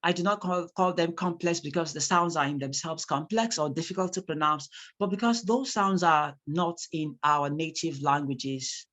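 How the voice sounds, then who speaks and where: Lecturing animatedly at a normal speed with few pauses, a Nigerian-accented instructor who speaks Yoruba natively keeps his voice at a middle pitch. He says important phrases twice to drive them home.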